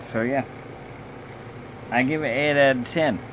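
Casting: drunk young male amateur reviewer, average pitch, loose profane delivery, noisy small-room home recording. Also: a little slow. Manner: loose, rambling, blunt, swearing. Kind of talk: rambling casual video review, profane. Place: small bedroom, indoors. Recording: clear background hum and noise.

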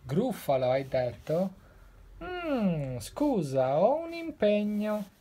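A woman voicing a big, hungry, clumsy male monster from a children's storybook, with gruff, slow speech. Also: mid-range voice, huge pitch swings, warm tone, voice pushed up, full character voice.

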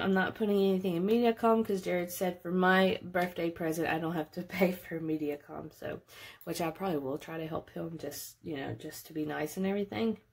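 With a fairly low, slightly mellow voice and a breathy edge, a woman in her late twenties talks casually through her budgeting vlog. She narrates the budget walkthrough in a chatty way, thinking aloud as she goes.

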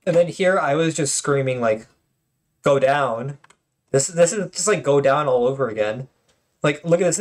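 A man with a fairly high voice runs his own channel, offering laid-back, humorous commentary on tournament replays. His speech is full of fillers and restarted sentences.

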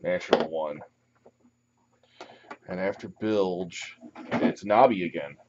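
A slow-paced, fairly low-voiced man runs a tabletop game session as game master, calling turns and dice results in a relaxed way with easy laughs. The recording is muffled and lo-fi, with a faint hiss under it.

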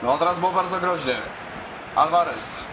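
A gaming video host with a fairly high voice talks at normal speed, casually commenting, exclaiming, and muttering as he plays. Music plays behind him and the background is noisy.

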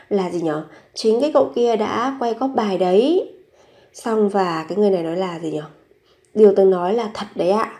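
A woman who teaches Korean phrases, repeating each one slowly and then explaining it. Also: mid-range voice, a little mellow. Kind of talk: bilingual language lesson.

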